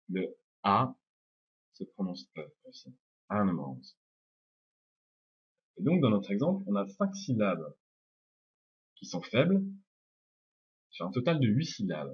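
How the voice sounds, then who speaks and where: A young man, a native French speaker, teaches English pronunciation in a video lesson, explaining step by step and repeating sounds slowly. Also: on the low side, husky. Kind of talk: video lesson answering viewer questions. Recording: dull lo-fi sound.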